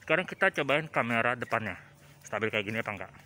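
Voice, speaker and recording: A man's voice: mid-range voice, lively intonation, fast, pushed and bright, slight background noise. A man reviews casually while walking with a handheld phone. His speech is muffled through a thick face mask and picked up by the phone's own microphone. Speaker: tech reviewer. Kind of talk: casual vlog narration to camera while walking. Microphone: phone's own camera mic.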